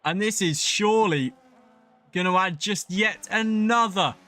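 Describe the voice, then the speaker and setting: A young man calls an online sim race in a high, bright voice. He is excitable and his voice climbs sharply when drama hits the track. The delivery is quick and full of play-by-play. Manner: excitable, builds to shouts at crashes and rain. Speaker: race commentator. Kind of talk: live sim racing commentary.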